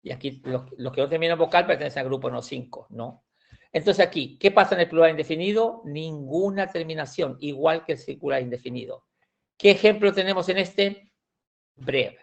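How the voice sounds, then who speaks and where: A man's voice: fairly high pitch, brisk, vocal fry. A man teaching a language class, explaining grammar patiently and repeating words with frequent restarts. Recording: dull lo-fi sound.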